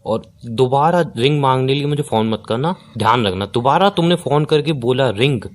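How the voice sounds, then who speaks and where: A man's voice: mid-range voice, animated, moderate pace. A man playing a boyfriend in a comedy skit, scolding and ranting sarcastically over a pretend phone call.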